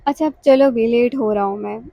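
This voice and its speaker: A woman's voice: a little high, mellow, no echo, natural voice. A woman reading the lines of an impatient brother hurrying his sister along. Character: impatient young man, the brother.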